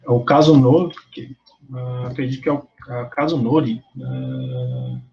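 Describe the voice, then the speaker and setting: Brazilian-accented male lecturer, halting explanatory delivery, muffled lo-fi call audio. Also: medium pitch, steady tone, vocal fry. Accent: Brazilian Portuguese. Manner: explanatory, frequent fillers and self-corrections. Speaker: lab meeting presenter. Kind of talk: academic lecture with discussion.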